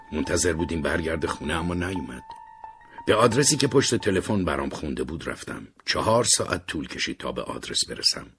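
A man narrating a dark story in the first person, with calm, even scripted storytelling. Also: rumbling low, creaky.

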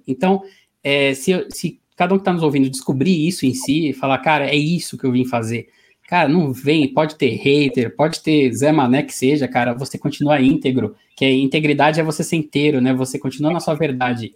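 A man with a Brazilian accent, a motivational speaker telling a story in an animated, conversational way during an interview. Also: fairly high pitch. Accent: Brazilian Portuguese.

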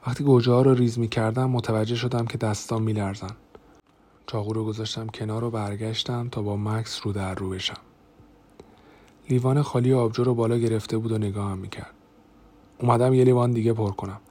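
A man narrating a first-person diary audiobook in a steady, even manner. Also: on the low side, husky.

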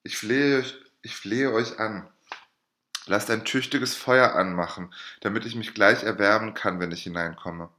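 A man's voice: lowish voice, normal speed, pushed and bright, echoey room, voice pushed up. A man doing a freezing, pleading young student. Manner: urgent imploring.

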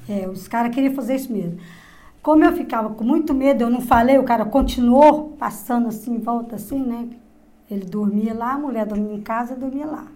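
A woman's voice: fairly high pitch, a little fast. A middle-aged woman telling a personal story in casual talk, acting out voices and dropping to whispers. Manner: animated, acts out quoted voices, drops to whispers. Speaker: guest telling her story.

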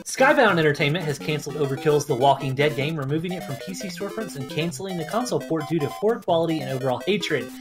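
A man co-hosting a podcast, reading a gaming news rundown in a deadpan voice full of sarcastic asides. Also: on the high side, quick pace, few pauses, over music.

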